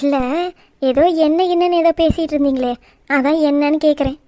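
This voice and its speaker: A woman's voice: high-pitched, steady tone, a little fast, mellow, no echo, lightly acted. A woman voicing a bold, fearless young bride-to-be in a cartoon, teasing her elders cheekily. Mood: cheeky. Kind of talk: cartoon voice acting.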